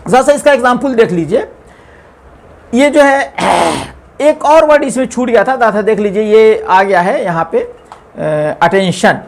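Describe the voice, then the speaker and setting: A man's voice: sits high, lively intonation, a little slow, vocal fry, pauses often, a little hiss or hum. A man teaching an English grammar lesson, explaining patiently with many repetitions and fillers.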